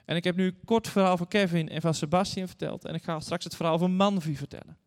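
A man's voice: high-pitched, steady tone, fast talker. A man in his thirties or forties preaching a sermon, reading scripture and telling stories earnestly to the congregation. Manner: earnest, storytelling, addresses congregation directly. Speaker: guest preacher. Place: church hall. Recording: long church reverb.

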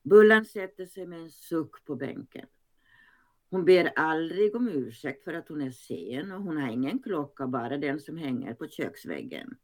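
A woman reading a story aloud in an expressive narrating voice. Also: low voice.

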